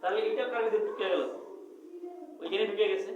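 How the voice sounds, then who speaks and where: A woman's voice: medium pitch, a little fast, darkish tone, lo-fi sound. A woman teaching a class to read the Quran, drilling her students with call-and-response questions and getting them to finish each phrase. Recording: very echoey room, mic far off, noisy.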